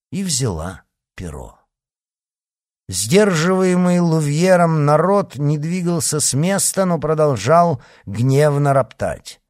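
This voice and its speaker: Male audiobook narrator, dramatic, very lively pitch, dry close recording. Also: no echo. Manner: expressive, dramatic.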